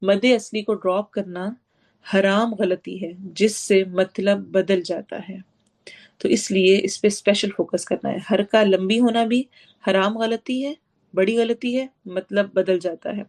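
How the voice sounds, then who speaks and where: A woman's voice: mid-range voice, steady tone, a little mellow. Woman teaching Quran recitation rules. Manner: drawn-out demonstrations of Arabic words between brisk explanations; patient, instructive, asks and answers her own questions. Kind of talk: tajweed lesson explaining recitation rules.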